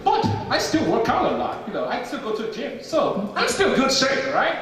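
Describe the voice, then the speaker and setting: On a theater stage, a young Chinese man with a Chinese accent does stand-up, vividly telling stories and playing the people in them. His very high-pitched voice moves at normal speed, caught by a faraway mic in an echoey hall, with a crowd audible behind him.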